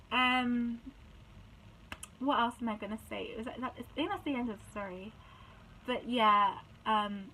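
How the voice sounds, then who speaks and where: A woman's voice: on the high side, pushed and bright, slight background noise, low-quality recording. A young woman telling a story to camera in indignant, chatty vlog talk, often restarting her sentences. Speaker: vlogger. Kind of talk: casual storytime chat.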